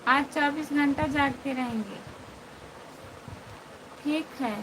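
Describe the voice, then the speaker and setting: A woman's voice: high voice, takes it slowly. A woman with an Awadhi accent hosting a live stream, chatting playfully and teasing viewers by name as she answers their comments. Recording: noisy background ambience.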